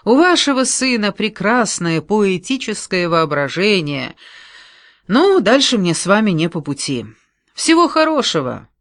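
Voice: mid-range voice, big pitch swings, a little slow, fairly bright tone, dry recording, voice pushed up. A reader voicing a romantic, cheerful middle-aged head forester who eagerly asks questions, in an audiobook. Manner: eager, cheerful, solemn at times.

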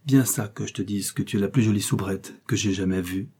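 A man's voice: on the low side, brisk, warm tone. D'Artagnan, a man playing a coaxing young gallant. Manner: smooth, coaxing.

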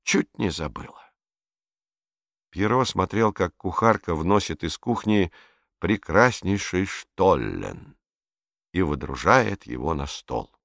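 A man narrating an audiobook in a calm, measured reading voice. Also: low voice, vocal fry, no echo, clean studio sound. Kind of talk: scripted narration.

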